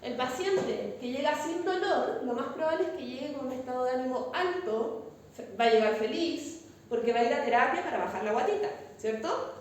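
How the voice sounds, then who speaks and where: A woman's voice: high voice, animated, brisk. A woman with a Chilean accent teaching a class, talking casually and checking often that her students follow. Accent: Chilean Spanish. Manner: conversational, checks understanding with frequent tag questions. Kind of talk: classroom lecture. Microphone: far from the mic. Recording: very echoey classroom, far-off mic, some noise.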